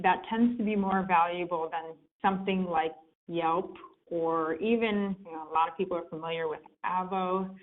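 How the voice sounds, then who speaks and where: Over a tinny, narrow teleconference line, a woman with a slightly low voice explains things as a guest expert on client reviews. Her manner is relaxed and conversational, with plenty of filler words.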